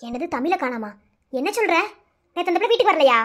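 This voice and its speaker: A woman doing a brisk, bossy village sister-in-law. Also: very high-pitched, expressive, a bit bright. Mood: urgent. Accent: Madurai Tamil. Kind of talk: cartoon voice acting.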